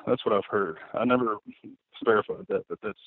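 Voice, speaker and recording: This guest artist, a man, talks fairly quickly in a fairly low pitch, rambling through casual interview chatter with many fillers and restarts. The sound is dry and tinny, like a phone line.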